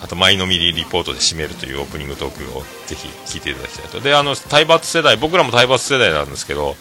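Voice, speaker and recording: Deep-voiced and racing along, the Fukuoka restaurant owner rambles through stories on his solo talk stream, quoting people animatedly and filling gaps with fillers. He is middle-aged, and faint music plays in the background.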